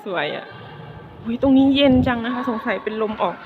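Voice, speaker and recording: Woman travel vlogger, chatty, talks warmly to her followers; dull lo-fi phone sound. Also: fairly high pitch, fairly quick, noisy background. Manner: chatty, addresses viewers fondly, many soft polite particles. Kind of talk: casual travel vlog narration. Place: inside a salt mine, then walking outdoors. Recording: dull lo-fi phone recording, loud crowd.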